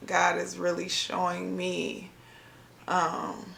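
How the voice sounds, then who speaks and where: Ohio woman vlogging about faith, slow and halting, lots of ums, gravelly and bright, echoey room. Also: on the low side, completely flat delivery, a little hiss or hum. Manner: slow, halting, many pauses and fillers, soft. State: emotional, near tears. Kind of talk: reflective faith talk to camera.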